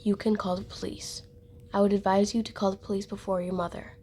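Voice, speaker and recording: A woman's voice: mid-range voice, level tone, fairly quick, warm tone, husky, natural voice. A woman voicing a kind store cashier who helpfully gives advice. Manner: helpful, advising.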